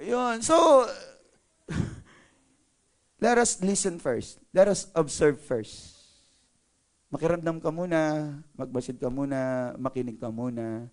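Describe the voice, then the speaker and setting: A man's voice: on the high side, expressive, slow pace, pauses often. A male pastor preaching a sermon in a playful way, joking with the congregation. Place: church service.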